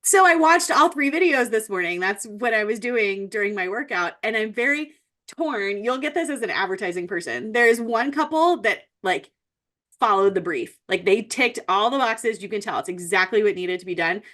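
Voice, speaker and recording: A woman co-hosting a podcast, her speech loose and meandering as she chats. She laughs easily and often, in a voice of ordinary middle pitch. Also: expressive, normal speed, fairly bright tone. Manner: chatty, rambling, laughs often. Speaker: podcast co-host. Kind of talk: casual chat.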